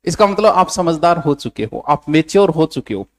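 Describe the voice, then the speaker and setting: A man teaching a coaching class with a Rajasthani accent, his voice a little higher than usual. He dictates notes and lectures his students bluntly, scolding them in a plain classroom tone. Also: animated, normal speed.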